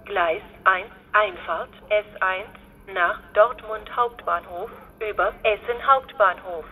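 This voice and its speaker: A woman making a flat, formal platform announcement as a station announcer, in evenly segmented phrases. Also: medium pitch, slow pace. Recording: tinny phone-like band, hissy background noise.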